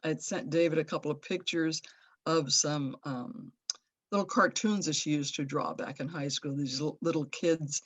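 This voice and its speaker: A deep, slightly rough female voice at a moderate pace shares memories of an old friend on dry video call audio. She's a woman in her sixties from Los Angeles giving a personal remembrance as a memorial speaker, warm and rambling, with fond laughs.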